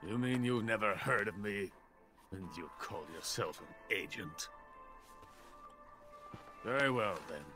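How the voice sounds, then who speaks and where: An actor playing a drunken, pompous, bitter older Soviet weapons scientist in a video game. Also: male voice, on the low side, measured pace, long pauses, music in the background, natural voice. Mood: boastful, proud. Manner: pompous, boastful. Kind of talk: theatrical video game voice acting.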